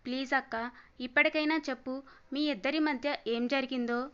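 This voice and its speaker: A woman's voice: high-pitched, steady tone, brisk, a bit bright, smooth, dull audio. A woman narrator voicing a young woman, a hurt, stubborn younger sister who reproaches and pleads, in a storybook reading. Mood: pleading.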